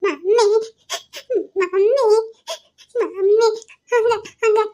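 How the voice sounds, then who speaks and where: A woman's voice: very high voice, steady tone, moderate pace, pitched above the performer's own voice. A woman doing a small boy sobbing for daddy. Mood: tearful. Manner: whiny, sobbing, pleading. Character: small boy crying for his father.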